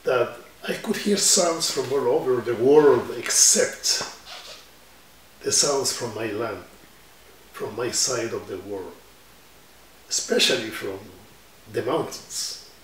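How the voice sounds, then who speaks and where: In an indoor room with guitars on the wall, a man in his 70s from Ecuador, a musician, speaks in a mid-range voice. It's an oral history interview, and he unfolds his stories slowly and thoughtfully, using his hands. The mic is distant, so the sound is roomy.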